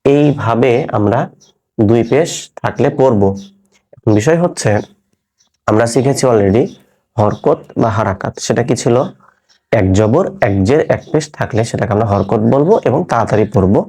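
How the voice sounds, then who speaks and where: In this recorded online lesson, a man leads a Quran reading class, patiently explaining letter sounds and repeating them step by step. His mid-range voice is warm and moves at a normal speed, and he drills pronunciation with examples.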